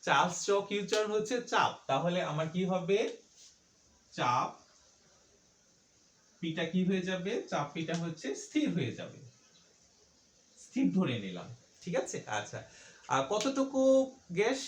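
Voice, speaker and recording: Male physics teacher, high voice, quizzes and answers himself, echoey classroom recording. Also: sing-song, a little slow, long pauses, fairly bright tone. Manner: asks questions and answers them himself, repeats key points. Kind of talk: classroom lecture. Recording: echoey room.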